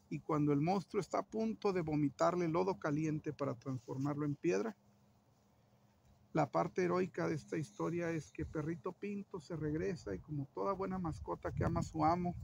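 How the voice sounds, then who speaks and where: A man's voice: on the high side, moderate pace, gravelly, slight background noise. A man telling a local legend aloud in a playful, dramatic way with joking asides. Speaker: storyteller.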